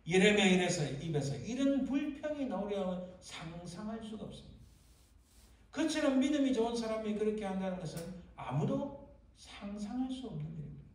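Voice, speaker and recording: A man's voice: high voice, very animated, a little fast. A man preaching a sermon as pastor, with dramatic delivery that acts out cries and quotations. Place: church sanctuary. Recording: echoey church sanctuary, voice from far off.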